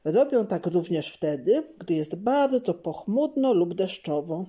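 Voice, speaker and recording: A woman voicing a patient, knowledgeable father in a children's storybook, explaining in a calm, measured way. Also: fairly low pitch, slightly rough.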